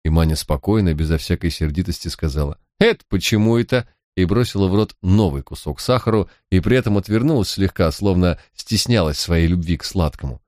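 A man narrating a story in the first person, in a steady, measured storytelling manner. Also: low-pitched, no room sound, studio quality. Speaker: audiobook narrator.

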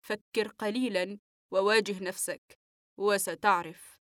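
A woman reading a calm, measured male psychiatrist. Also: mid-range voice, no room sound, clean studio sound, lightly acted. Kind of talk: audiobook reading of a novel.

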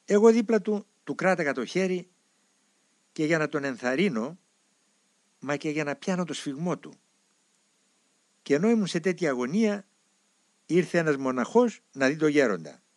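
A man narrating a memoir in a solemn, reverent and measured way. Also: a little high, animated, a little mellow, no echo. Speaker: audiobook narrator.

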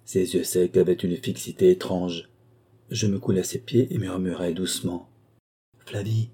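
Dark, husky male audiobook narrator. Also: deep voice, steady tone, normal speed.

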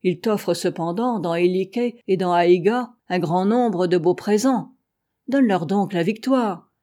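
A woman's voice: on the low side, a little slow, dark tone, natural voice. A woman reading the lines of an indignant queen goddess, urging another god to act.

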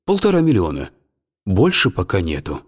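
A man's voice: sits low, wildly swooping pitch, normal speed, heavily acted. A man voicing a sly, unruffled businessman. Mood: calm, sly. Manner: affable and unruffled, gently mocking. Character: calm, sly male businessman, smooth-talking.

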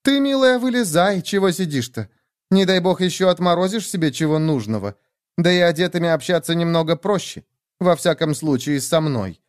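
A man's voice: fairly high pitch, expressive, dry recording, studio quality, voice pushed up, natural voice. A man voicing a brash, nervous young woman who turns crude and angry, in a read-aloud story. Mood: nervous teasing. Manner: mocking, crude, quick to anger.

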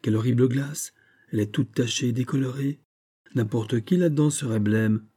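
Guy voicing a restless sleepless rich young woman, bossy and vehement, husky dark tone, audiobook. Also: mid-range voice, normal speed, lightly acted. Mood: anxious vanity. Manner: impatient, vehement, imperious.

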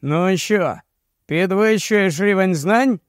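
A man's voice: high voice, takes it slowly, no room sound. A man reading an audiobook voices an ironic male office colleague with dry, laid-back humor. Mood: wry.

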